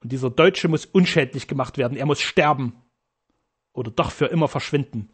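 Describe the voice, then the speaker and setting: A man reading an audiobook voices a calculating notary who lays out a plot in a measured, conspiratorial way. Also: medium pitch, slightly rough, close to an everyday voice. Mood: scheming. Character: cunning male notary, calculating plotter.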